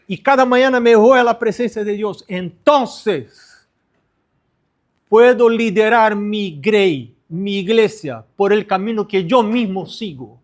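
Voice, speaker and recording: High-voiced man preaching slowly. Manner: earnest and repetitive, stressing short phrases. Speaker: pastor. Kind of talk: sermon to pastors.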